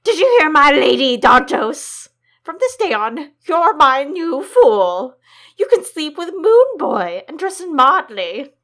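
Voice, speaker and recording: Petulant cruel young king, shouting slow threats, read by a woman. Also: sits high, sing-song, pitched above the performer's own voice, full character voice. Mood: mocking.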